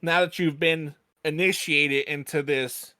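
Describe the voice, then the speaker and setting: A man's voice: on the high side, fairly even intonation, measured pace, pushed and bright, dry recording. A man co-hosting a podcast, joking with friends in loose banter and laughing often. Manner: laughs often, jokey and rambling. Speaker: podcast co-host. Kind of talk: casual group podcast banter.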